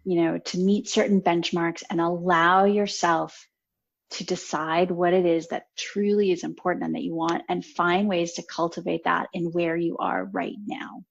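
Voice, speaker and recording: Animated woman coach, slightly lo-fi. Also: on the low side, moderate pace, creaky. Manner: animated storyteller, laughs often. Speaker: podcast guest, coach. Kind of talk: casual conversational interview. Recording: slightly dull lo-fi audio.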